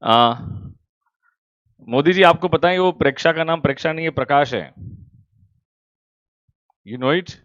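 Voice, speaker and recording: A male commerce teacher, at home, in casual chat with students before an online class, teasing them warmly. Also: on the high side, a little slow, long pauses, no room sound. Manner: teasing, affectionate, calls students beta. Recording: dull, dry lo-fi sound.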